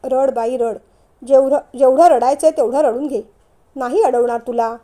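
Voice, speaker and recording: A woman's voice: high voice, fairly even intonation, moderate pace, warm tone, lightly acted. A woman voicing a middle-aged mother-in-law, firm and scolding yet caring, in a storybook reading.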